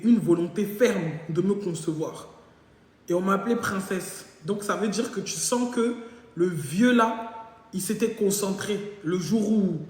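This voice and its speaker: A woman tells a funny personal story to her live viewers, switching between her own voice and the other person's. Her delivery is playful and animated. The sound bounces around a bare, very echoey room, and the reverb hangs on after each phrase. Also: mid-range voice. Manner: animated, jokey, acts out both sides of dialogue. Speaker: live-stream host. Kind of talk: casual storytelling monologue.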